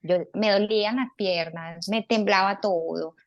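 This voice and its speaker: A woman co-hosting a casual podcast discussion, animated and telling personal stories with acted-out quotes. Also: mid-range voice, a little slow, dull audio. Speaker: podcast co-host.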